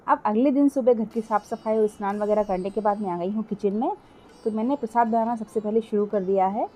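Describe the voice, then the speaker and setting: A middle-aged woman narrates her cooking vlog in a chatty, step-by-step way, often turning to her viewers. Her voice is mellow and warm, with a medium pitch. Faint music plays behind her. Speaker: cooking vlogger. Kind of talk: casual voice-over cooking vlog.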